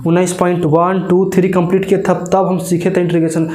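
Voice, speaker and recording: A man's voice: sits high, little pitch movement, a little fast, mellow. A man teaching a maths coaching class, chatty and often checking whether his students follow. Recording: echoey classroom.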